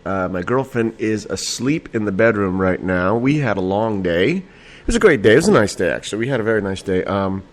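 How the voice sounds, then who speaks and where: Hosting a late-night solo podcast from home, a man with a lowish, slightly nasal voice talks animatedly and a bit fast. Slightly tipsy, he rambles, laughs, swears, and fills his speech with fillers in casual talk-show fashion.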